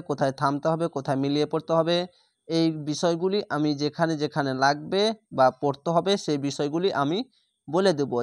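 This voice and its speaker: A man teaching a Quran reading class, spelling each word syllable by syllable and then reciting it slowly and drawn out. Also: a little high, no room sound, studio quality.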